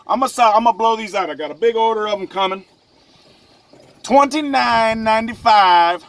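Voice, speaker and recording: Man hamming up a boat sales pitch. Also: rapid-fire, a bit bright, no room sound. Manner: joking mock sales pitch, slangy and loose. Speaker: solo sailor and vlogger. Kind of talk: casual vlog talk to camera. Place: open cockpit of a sailboat on a lake.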